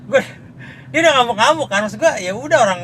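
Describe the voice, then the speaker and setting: A man's voice: extremely high pitch, expressive, fast, sharp tone, a little hiss or hum. A man telling a road story in a casual car podcast chat, acting out what people said. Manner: storytelling, acts out quotes. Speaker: podcast co-host. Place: inside a car.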